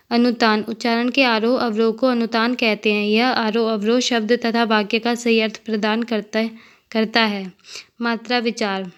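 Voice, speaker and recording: A woman reading grammar notes aloud for exam preparation, dictating letters and words slowly and carefully. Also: on the high side, smooth. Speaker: teacher.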